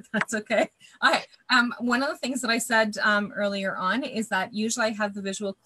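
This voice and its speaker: A woman's voice: mid-range voice, normal speed, sharp tone, slightly rough, dry recording, low-quality recording. A woman hosting a live online interview over a video call, chatty and hesitant with many fillers. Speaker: host.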